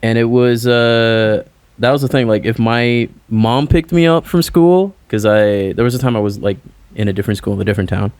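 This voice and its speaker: A young Puerto Rican musician, appearing as an interview guest, chats loosely and rambles with lots of "like" fillers. His mid-range voice is a little mellow and clean, at normal speed with no echo.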